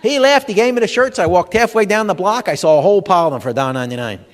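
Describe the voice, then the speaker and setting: Racing along in a high-pitched voice, a man who is a comedian and humor educator does stand-up for a live audience. He animatedly tells stories, voices the dialogue, and talks to the crowd, all echoing with long reverb in a large expo hall.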